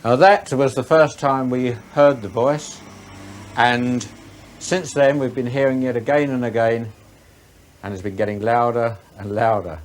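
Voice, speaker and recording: A man, an investigator, explaining recordings in a measured, explanatory way. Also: medium pitch, fairly even intonation, a little hiss or hum.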